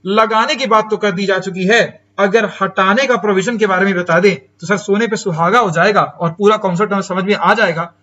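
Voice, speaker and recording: A man with an Indian accent delivers an exam-prep lecture in a fairly high voice, chatty and full of questions he answers himself. Key English terms are stretched out slowly for emphasis. The recording sounds dull and lo-fi. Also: pushed and bright. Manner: chatty teacher, asks and answers his own questions, says "sir" and "bhaiya". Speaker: teacher.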